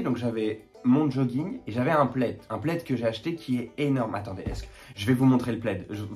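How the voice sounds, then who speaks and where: A young man spins a casual storytime monologue to his camera, animated and full of jokes. His pitch sits in the middle of the range, and he keeps darting up into high mocking voices for asides. Faint music runs underneath. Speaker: vlogger.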